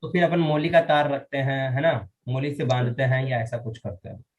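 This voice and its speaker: A man teaching a Vedic ritual class, explaining rites and chanting mantras slowly, syllable by syllable, and often asking his students if they follow. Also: mid-range voice, fairly even intonation. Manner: often checks with students, asking "all right?".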